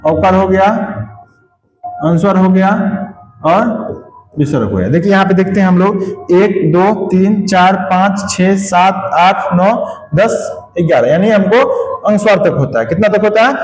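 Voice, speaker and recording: High-voiced male teacher in an echoey room. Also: a little slow, soft background music. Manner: asks questions and answers them himself, repeating "है ना" and "ठीक है". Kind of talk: classroom grammar lesson.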